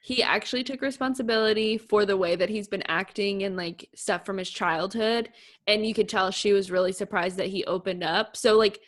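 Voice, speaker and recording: Young woman, podcast co-host, gossipy recap, mid-pitched voice, casual. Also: fairly even intonation, moderate pace. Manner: gossipy storyteller, recounts scenes with "she's like". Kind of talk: casual chat about reality TV.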